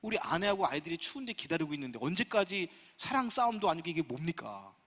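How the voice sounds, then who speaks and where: Man, middle-aged, church seminar lecturer, lively storytelling, high voice, reverberant sanctuary. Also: quick pace. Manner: animated storytelling, acting out dialogue with God. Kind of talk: humorous preaching-style lecture with personal stories.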